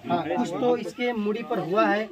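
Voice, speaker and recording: A man from India narrates to camera while rescuing snakes outdoors in a village, calling his viewers "friends" again and again and pleading urgently whenever the crowd threatens the snake. His voice is high and his speed normal. The muffled, noisy outdoor recording picks up a crowd of villagers talking.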